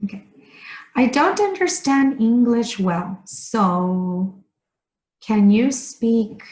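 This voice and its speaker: Woman, ESL teacher, very slow careful delivery, repeats key words, roomy echo. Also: mid-range voice, darkish tone. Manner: speaks slowly and deliberately, repeating key words. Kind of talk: slow, clearly enunciated grammar lesson.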